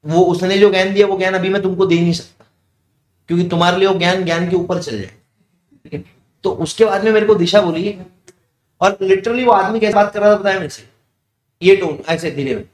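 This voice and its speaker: A man's voice: high voice, a little fast, long pauses. A young male teacher talking with his students in a chatty aside, asking questions and then answering them himself. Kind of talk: casual classroom digression. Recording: echoey room.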